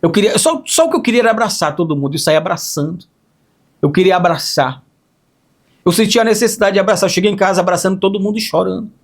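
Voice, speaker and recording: Hoarse man, slightly high voice, earnest testimony storyteller. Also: expressive, fast. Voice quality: hoarse, raspy. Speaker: testimony speaker. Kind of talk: emotional faith testimony.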